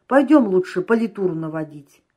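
A woman's voice: fairly low pitch, lively intonation, fairly quick, a little mellow. A woman reading an audiobook, voicing an easygoing male friend who coaxes and reassures. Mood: soothing. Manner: coaxing, reassuring.

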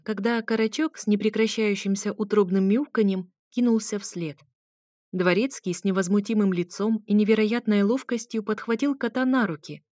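A woman narrating a first-person audiobook in a lively, expressive reading. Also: mid-range voice, no room sound, studio quality.

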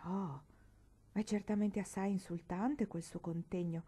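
An earnest, romantic young girl from a storybook speaks with a knowing air, as a woman reading aloud puts her on. Her tone is mellow and gentle. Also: medium pitch, fairly even intonation, measured pace, breathy edge.

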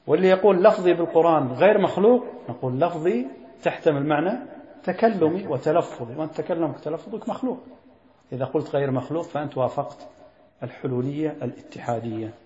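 Brisk sheikh, fairly high voice, quizzes his class, echoey lo-fi hall recording. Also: animated, warm tone. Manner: quizzes students, repeats key phrases. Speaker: sheikh teaching a creed text. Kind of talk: classroom lesson.

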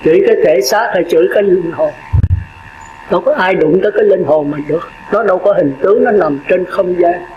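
An older monk preaches in a high, folksy voice. He chats, laughs and quizzes his listeners. The recording is dull and echoey, with steady noise underneath. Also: a little fast. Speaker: Buddhist monk teacher. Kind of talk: dharma talk sermon.

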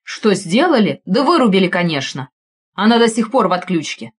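A woman voicing a panicky, crude male thug who shouts frantically in an audiobook. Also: medium pitch, very animated, normal speed, slightly rough. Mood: sneering. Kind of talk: audiobook character voice.

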